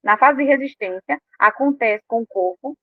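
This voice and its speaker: A woman giving an informal talk on emotional health to a live audience, animated and acting out quoted inner voices. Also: a little high, moderate pace, dry recording. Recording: dry, tinny phone-like sound.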